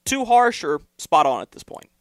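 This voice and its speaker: A young man hosts a college sports podcast, delivering blunt, punchy opinions. His voice sits a little high for a man. The recording is dry and close, with no room sound. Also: sing-song, moderate pace, no echo. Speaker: sports talk host.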